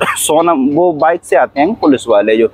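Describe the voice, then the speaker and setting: With a slightly high, expressive, darkish voice at normal speed, a cab driver rambles through a long story during a casual interview. He repeats phrases, acts out dialogue, and coughs a lot. The recording quality is low.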